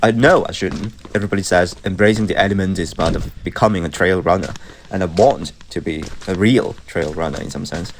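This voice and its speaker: A middle-aged man, giving a measured, reflective scripted voice-over for a running vlog. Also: low-pitched, a little hiss or hum. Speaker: running vlogger. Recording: music behind the voice. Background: background music.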